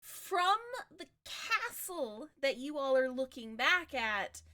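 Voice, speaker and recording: Woman game master, bright and high, relaxed narration with easy laughs. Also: takes it slowly.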